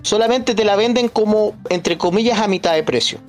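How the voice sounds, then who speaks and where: A man commenting as a guest in a podcast discussion, emphatic and deliberate. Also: high-pitched, soft background music.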